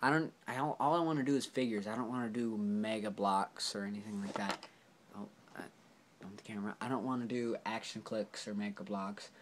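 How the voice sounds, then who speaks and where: Man, toy review vlog, lowish voice, rambling and apologetic, camera mic, faint hiss. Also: fairly quick. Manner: rambling, filler-heavy, apologetic.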